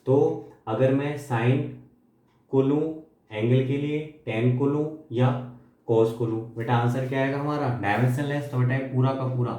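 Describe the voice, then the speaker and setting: Male, physics teacher, mellow, rhetorical questions, classroom lecture, very echoey room. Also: mid-range voice, fairly even intonation, normal speed. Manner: calls students "beta", asks and answers own questions, mixes English.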